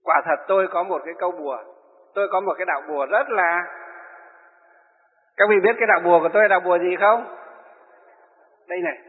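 A man's voice: high voice, fast talker, pauses often. A middle-aged man, a Buddhist monk, giving a wry, chatty storytelling talk and laughing at his own anecdotes. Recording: tinny, lo-fi, long hall reverb.

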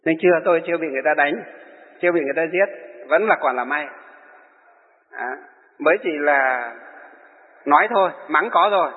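A middle-aged man, a Buddhist monk, giving a wry, chatty storytelling talk and laughing at his own anecdotes. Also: on the high side. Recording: tinny, lo-fi, long hall reverb.

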